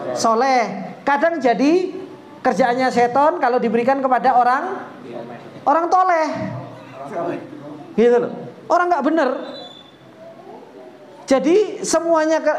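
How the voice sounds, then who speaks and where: A man giving a religious study lecture, reciting Arabic text slowly and answering his own rhetorical questions, with joking asides. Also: very high-pitched, slight background noise. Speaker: Islamic teacher. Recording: echoey room.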